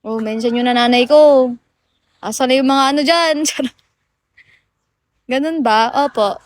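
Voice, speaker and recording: Playful high-voiced woman livestreaming. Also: a little slow. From Philippines. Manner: playful and teasing, laughs often, mixes in English. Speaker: livestream host. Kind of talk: casual livestream chat with viewers. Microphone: phone livestream.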